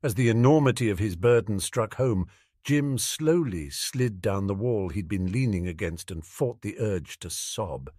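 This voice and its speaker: A man narrating a fan-fiction audiobook with expressive storytelling. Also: fairly low pitch, measured pace, no room sound.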